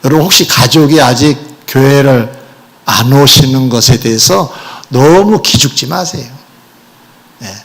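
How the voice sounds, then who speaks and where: A man preaching a sermon as pastor, animated and addressing the congregation with rhetorical questions. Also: mid-range voice, unhurried.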